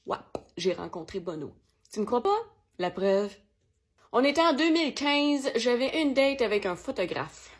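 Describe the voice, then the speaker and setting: Chatty Québécoise woman with a higher voice. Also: moderate pace. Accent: Québécois French. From Quebec. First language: French. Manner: lively, slangy and self-mocking. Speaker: magazine vlogger. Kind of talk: casual first-person storytelling.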